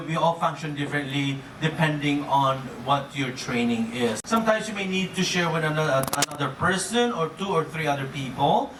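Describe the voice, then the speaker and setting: Upbeat cruise director, higher-pitched man, echoey room. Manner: chuckles often at own jokes. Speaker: cruise director presenting to guests. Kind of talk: comedic live presentation to an audience. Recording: echoey noisy room, distant mic.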